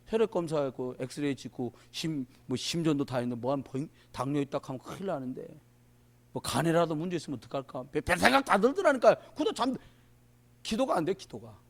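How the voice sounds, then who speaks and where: Lively high-voiced male pastor preaching. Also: fast talker. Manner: colloquial and joking, swinging between loud exclamations and quiet asides. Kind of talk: sermon at a prayer meeting. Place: church.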